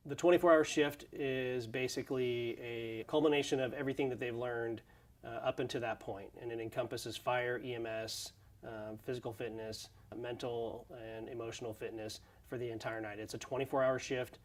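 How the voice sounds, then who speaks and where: A man, a fire academy instructor, explaining the recruits' training in an interview in a steady way with frequent fillers. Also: mid-range voice, normal speed. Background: background music.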